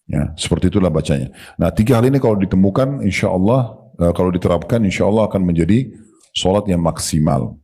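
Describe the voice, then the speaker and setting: A man giving a religious lecture to a congregation. He talks emphatically, repeats key phrases and jumps up in pitch to stress a point, then slows right down to walk through each step calmly. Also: husky. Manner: slows right down to model calm step-by-step prayer. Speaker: preacher.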